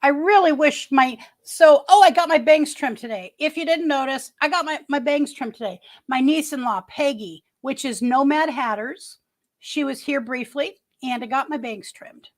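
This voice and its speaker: Her voice is high and her speed normal as this woman in her early sixties runs an informal home livestream, chatting and reading comments from viewers in a rambling style full of restarts.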